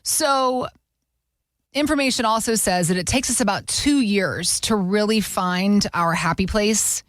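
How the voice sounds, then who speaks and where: A woman's voice: medium pitch, measured pace, no echo, studio quality. A woman co-hosting a finance podcast, reading and asking questions in an upbeat, chatty way with frequent affirming interjections. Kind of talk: casual podcast conversation.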